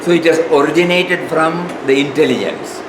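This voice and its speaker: A man with a South Indian accent giving an informal spiritual lecture in a halting, repetitive way. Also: fairly high pitch, expressive. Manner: halting, repeats words, tags questions with "no". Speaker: spiritual teacher. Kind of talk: informal spiritual lecture, partly reading aloud. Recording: echoey room with clear background noise.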